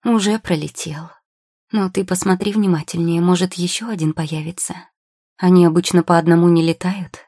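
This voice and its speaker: A woman's voice: on the low side, fairly even intonation, normal speed, dark tone, no room sound, clean studio sound. A woman reading a storybook who voices a patient young potion-maker girl, soothing and practical.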